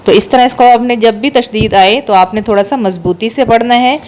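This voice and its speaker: A woman's voice: a little high, darkish tone. A woman teaching a step-by-step recitation lesson, patiently drilling single syllables.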